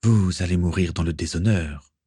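A man voicing a cold, haughty male pirate hunter who speaks in a measured, menacing way. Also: deep voice, warm tone, husky, no echo, clean studio sound.

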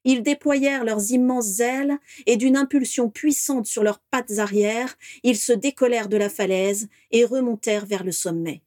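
A woman narrating a fantasy story in a steady, expressive reading voice. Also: a little high, normal speed, hardly any pauses, dry recording, clean studio sound. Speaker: audiobook narrator. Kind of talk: scripted narration.

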